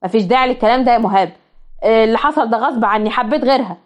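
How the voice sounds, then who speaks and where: A fed-up young man, voiced by an Egyptian woman sounds defensive and dismissive. The voice is high-pitched and hurried, in a storybook drama. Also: natural voice. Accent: Egyptian Arabic.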